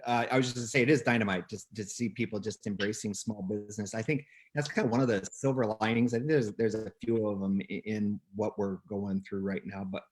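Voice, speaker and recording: An upbeat man talking as a guest on a casual video call, enthusiastic and quick to laugh, often repeating words. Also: on the low side, steady tone.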